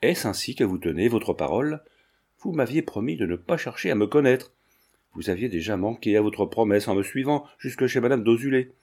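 A man's voice: medium pitch, expressive, fairly quick, a little mellow. A man reading the part of a proud young marquise, reproachful and indignant, in an audiobook. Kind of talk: audiobook character voice.

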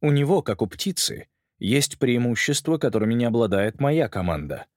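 A male reader voicing a calm, polite male curator who speaks in a measured way. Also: medium pitch, no echo, clean studio sound, lightly acted. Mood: cool.

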